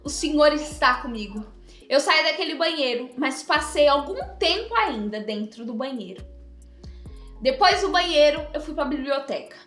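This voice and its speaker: Bright, echoey young woman telling a testimony. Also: sits high, lively intonation, moderate pace. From Brazil. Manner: heartfelt, earnest storytelling with emotional rises. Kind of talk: personal testimony. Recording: echoey room with faint music.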